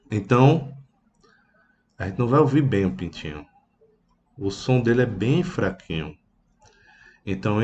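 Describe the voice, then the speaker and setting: Brazilian guy teaching kids music, takes it slow, moos like a cow, plays guitar as he goes. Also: medium pitch, a little hiss or hum. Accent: Brazilian Portuguese. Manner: slow, patient, with animal sound imitations; plays guitar while explaining. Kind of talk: children's music lesson.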